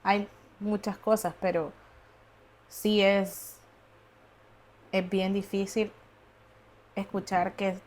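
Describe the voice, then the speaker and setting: A woman's voice: mid-range voice, level tone, takes it slowly, long pauses, darkish tone. A woman hosting a podcast interview, reflective and sympathetic. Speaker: podcast host. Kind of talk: interview conversation.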